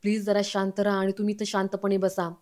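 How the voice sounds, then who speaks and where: A patient woman of the house, pleading and placating, trying to keep the peace, as a woman narrator reads her. The voice is mid-height with a narrow, even pitch. It is told as a calm retelling. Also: fast, natural voice.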